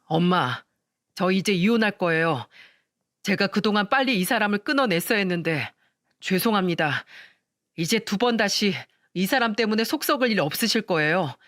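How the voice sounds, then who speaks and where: A woman's voice: medium pitch, unhurried, dry recording. Woman doing angry fed-up husband, stern, dry close sound. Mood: calm. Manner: stern, flat then harsh.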